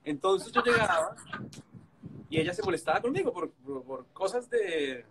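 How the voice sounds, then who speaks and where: A man's voice: sits high, very animated, moderate pace, background noise. A man with a Colombian accent telling stories animatedly on a video call, mimicking others and laughing. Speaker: guest on a live stream. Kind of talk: casual storytelling on a video call.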